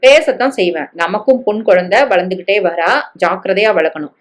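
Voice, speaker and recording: A woman's voice: medium pitch, expressive, brisk, lightly acted. A woman voicing a harsh, scornful middle-aged mother who scolds with contempt.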